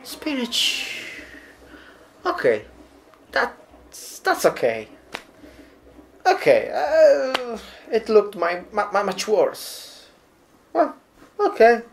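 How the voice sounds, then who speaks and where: Slow-talking, animated Italian woman reacting sarcastically. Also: fairly high pitch, creaky, a little hiss or hum. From Italy. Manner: mock-horrified, sarcastic, exclamatory. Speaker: reaction video host, pizza chef. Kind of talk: casual reaction commentary.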